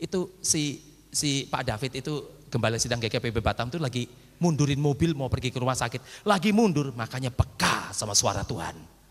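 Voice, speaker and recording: A man pastor preaching a storytelling sermon in an animated way, acting out quotes with sudden shouts, in a church hall, on an old echoey recording. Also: mid-range voice, fairly quick.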